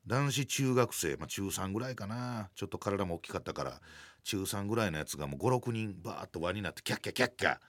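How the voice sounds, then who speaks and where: A man in his forties with a Kansai accent, telling a funny story in a lively, self-mocking way. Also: lowish voice, fast talker, no room sound. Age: 40s. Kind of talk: comic storytelling chat.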